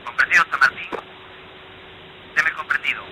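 A man's voice: fairly high pitch, normal speed, low-quality recording. A man dispatching urgent orders over a two-way police radio, commanding and spelling words out letter by letter. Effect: two-way police radio transmission.

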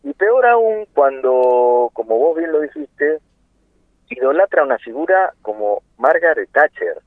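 A man of roughly sixty with an Argentine Spanish accent talks earnestly as a guest in an impassioned political phone interview, full of hesitations and rhetorical questions. His voice is a little high, with big pitch swings and a measured pace, over a tinny, dry telephone line.

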